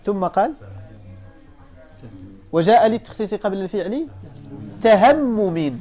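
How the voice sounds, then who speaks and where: A man from Morocco with a Moroccan Arabic accent, a sheikh explaining a classical grammar and rhetoric text step by step, repeating examples slowly and asking his students questions back. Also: high-pitched, darkish tone.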